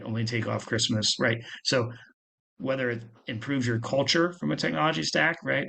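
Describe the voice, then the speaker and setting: A man's voice: medium pitch, creaky, fairly bright tone. A man giving a webinar presentation over a video call, who keeps tagging his points with "right?". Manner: tags statements with "right?". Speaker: guest speaker.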